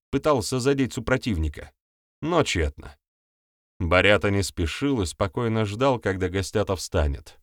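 A man reads a novel aloud as narrator, in a low voice. His delivery is lively and expressive, rising and falling with the action. The recording is dry and close. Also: no room sound. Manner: expressive storytelling. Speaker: audiobook narrator. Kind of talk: scripted narration.

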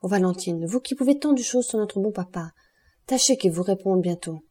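A young officer, fretful and devoted, begs with urgency, as a woman reading an audiobook takes his part. The voice stays dark and mellow with a husky texture. It is read as a storybook figure. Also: medium pitch, lively intonation, normal speed. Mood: pleading. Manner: pleading, fretful.

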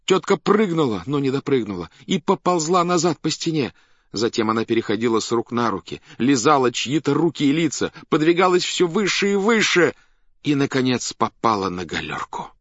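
A man narrating a classic story aloud in an expressive, theatrical reading style. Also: medium pitch, normal speed, no echo. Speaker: audiobook narrator. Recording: dull dry studio recording.

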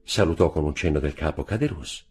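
A man narrating a classic novel as an audiobook reader, in a calm and measured way. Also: extremely low pitch. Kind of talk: scripted narration.

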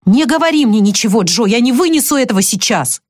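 A woman's voice: lowish voice, animated, normal speed, no room sound. Hot-headed young man in love, earnest and choked, voiced by a woman, dry sound. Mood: outburst.

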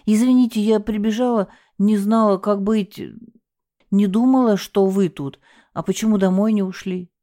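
A woman's voice: medium pitch, unhurried, mellow, pitched above the performer's own voice, natural voice. A woman voicing a flustered, scatterbrained young female hotel receptionist who babbles and whimpers in fright. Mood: flustered, whimpering.

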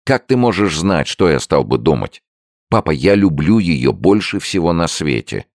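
A man's voice: a bass voice, big pitch swings, normal speed, darkish tone, no echo, clean studio sound, voice pushed up, full character voice. A man voicing an anguished young man pleading with his father in an audiobook. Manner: pleading, emotional.

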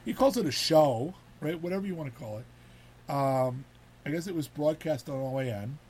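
A man's voice: a little high, moderate pace, slight background noise. Rambling talk show host man. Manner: rambling, repeats words, animated. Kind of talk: casual talk show chat.

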